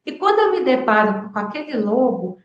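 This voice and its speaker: A woman's voice: a little high, sing-song, dull audio. A woman in her fifties from Brazil, retelling a personal memory at length with emotion and frequent asides. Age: 50s. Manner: emotional, drawn-out retelling with many "né". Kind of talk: personal storytelling. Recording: echoey room.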